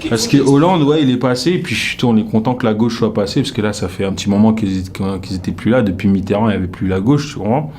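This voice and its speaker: A young man from France, a comedian giving an interview, talks quickly on the low side with hardly any pauses, over a little hiss or hum. He sounds relaxed and rambling, using lots of fillers, with a Paris-suburbs accent lightly colored by Québec.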